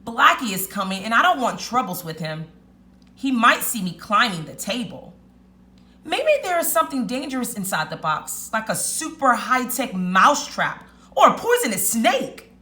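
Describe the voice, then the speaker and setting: A woman voicing a clever, excitable little male rat in a storybook read-aloud, with an emphatic, chanting, exclamatory delivery. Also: fairly high pitch, normal speed, voice pushed up. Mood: wary.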